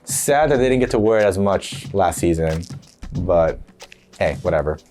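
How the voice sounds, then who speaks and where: A man's voice: deep voice, animated, normal speed, warm tone, slight background noise. Chatty young man with a sick voice. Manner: chatty, upbeat, filler-heavy. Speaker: jersey collector vlogger. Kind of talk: casual show-and-tell.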